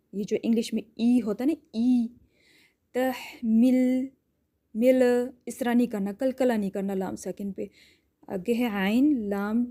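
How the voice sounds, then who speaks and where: A woman teaching Quran recitation rules. She explains each rule patiently and step by step, often checks in with "theek hai?", and stretches out words slowly to demonstrate. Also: medium pitch, warm tone. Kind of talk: tajweed lesson with slow drawn-out demonstrations.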